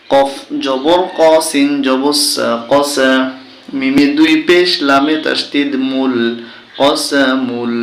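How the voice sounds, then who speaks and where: A man teaching a Quran reading lesson, spelling out each word and then reciting it slowly in a chanting tone, with quick explanations in between. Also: mid-range voice, a bit bright. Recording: echoey room.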